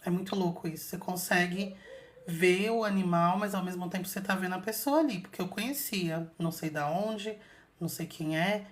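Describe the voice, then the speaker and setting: A woman with a slightly low voice tells her viewers a story in a loose, chatty way. She talks casually, packing her sentences with fillers and asides. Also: fairly quick. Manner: chatty, animated retelling with many fillers. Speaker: channel host telling an astral projection story.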